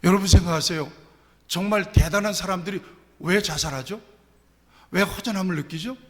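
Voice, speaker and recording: A middle-aged male pastor preaching a sermon, animated, full of rhetorical questions and personal stories. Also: sits high, normal speed. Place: church sanctuary. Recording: long church hall reverb.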